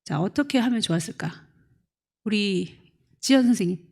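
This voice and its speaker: Speaking at a moderate pace, this middle-aged woman pastor has a medium-pitched voice with a breathy edge. Her sermon to young adults is lively and animated; she performs quotes and singles out listeners by name to question them.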